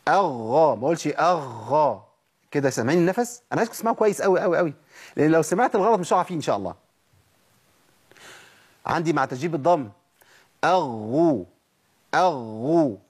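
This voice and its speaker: A man with an Egyptian accent teaching Quran recitation, slowly repeating letter sounds to model correct and wrong pronunciation. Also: a little high, sing-song, husky. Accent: Egyptian Arabic. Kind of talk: tajweed lesson, demonstrating letter sounds.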